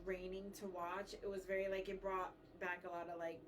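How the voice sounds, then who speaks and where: A woman's voice: on the low side, little pitch movement, fairly quick, far from the mic. A woman co-hosting a casual radio talk show, speaking frankly and earnestly. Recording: off-mic with clear background noise.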